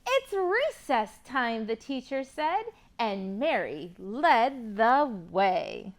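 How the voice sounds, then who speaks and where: A woman whose voice is a little high and sing-song reads very slowly to young children during a library storytime. The session mixes expressive picture-book reading with a sing-along, and she encourages the children with questions.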